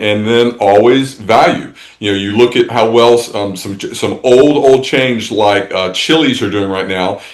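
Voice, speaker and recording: A man's voice: lowish voice, low-quality recording. A man talking as a tourism industry guest in a casual interview, rambling along with many restarts and fillers.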